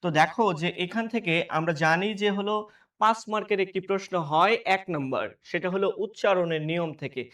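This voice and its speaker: A man's voice: sits high, brisk, fairly bright tone, distant mic. A male teacher giving an exam-prep lesson. He asks questions aloud, answers them himself, and keeps checking that students follow.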